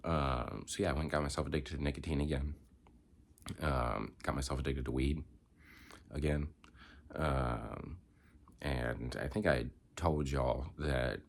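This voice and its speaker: A man's voice: a bass voice, fairly even intonation, a little slow, vocal fry, long pauses. A young man, congested, rambling reflectively in a candid personal vlog with many filler words. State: congested, coughing. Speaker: vlogger.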